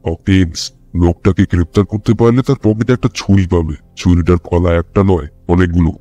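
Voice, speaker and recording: A man voicing a brilliant, restless male detective who reasons in a measured way and sometimes turns urgent. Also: low voice, fairly even intonation, mellow, voice pushed down. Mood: reasoning.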